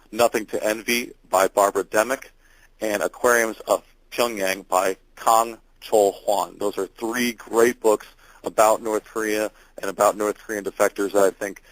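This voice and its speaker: A man's voice: fairly low pitch, dry recording, poor audio. A man speaking informally as an expert guest in an interview.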